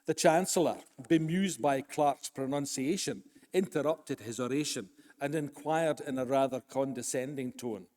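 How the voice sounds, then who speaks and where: A man giving a formal live lecture, reading a prepared text in a measured way with the odd dry aside. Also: medium pitch, a little mellow, a little hiss or hum. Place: lecture hall, recorded live. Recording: long reverb of a lecture hall.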